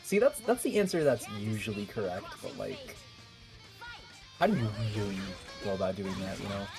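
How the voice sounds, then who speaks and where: A man commentating a fighting game tournament, chatty in his analysis with bursts of loud excitement. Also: fairly low pitch, normal speed, over music.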